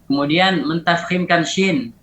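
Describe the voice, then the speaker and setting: A man teaching a tajwid lesson, explaining pronunciation errors and repeating example words slowly to demonstrate them. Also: a little high, a bit bright, muffled recording. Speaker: Quran recitation teacher.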